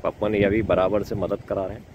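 In this casual riverside cooking vlog, the thirtysomething Indian man speaks briskly in a fairly low, level voice, treating viewers as friends. It's filmed on a phone at arm's length, and the noisy outdoor audio has its highs cut off.

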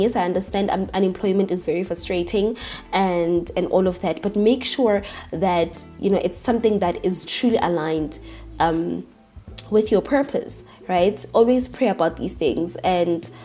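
A woman's voice: medium pitch, dark tone. A South African woman talking casually to her viewers, chatty and full of fillers, often checking that they follow her. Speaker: vlogger giving career advice.

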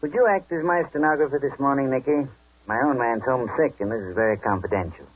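An actor playing a gruff, commanding older police inspector in a 1940s radio drama, heard as an old broadcast. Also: male voice, medium pitch, a little hiss or hum. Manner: brisk, commanding. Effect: old 1940s radio broadcast sound. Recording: dull lo-fi 1940s radio recording.

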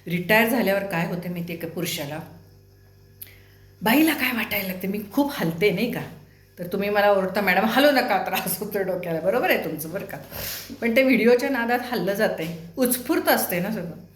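A woman's voice: medium pitch, expressive, a little fast. A woman in her sixties with a Marathi accent, a host telling home stories to viewers in a chatty, humorous way full of rhetorical questions. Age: 60s. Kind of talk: casual talk to viewers. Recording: echoey room.

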